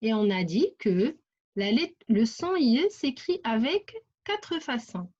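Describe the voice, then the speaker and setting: A woman teaching a reading lesson to young children, sounding out syllables and repeating words slowly and deliberately. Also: fairly high pitch, big pitch swings, darkish tone. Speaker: primary school teacher. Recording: dull lo-fi recording.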